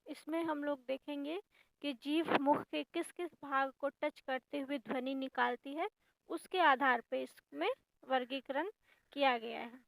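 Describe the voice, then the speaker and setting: A woman's voice: high-pitched, steady tone, measured pace, creaky, fairly bright tone, poor audio. A woman teaching a grammar lesson for exam preparation, explaining each point patiently, step by step.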